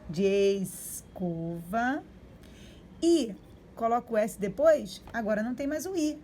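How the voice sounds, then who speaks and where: A woman with a Brazilian Portuguese accent teaches young children, her voice sitting a little high. She sounds out each syllable slowly and deliberately. A faint noise runs under the recording. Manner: slow, drawn-out sounding-out of syllables. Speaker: primary school teacher. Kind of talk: remote reading and spelling lesson for young children.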